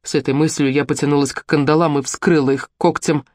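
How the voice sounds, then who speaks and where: An audiobook narrator reading a first-person fantasy novel in an even, measured way. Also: mid-range voice, no echo, studio quality.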